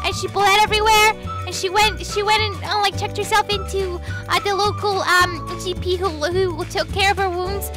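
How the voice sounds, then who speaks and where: A woman voicing a chatty young girl heroine in a game roleplay, rambling and animated. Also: very high-pitched, normal speed, hardly any pauses, music in the background. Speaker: channel host. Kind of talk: Minecraft roleplay voice acting.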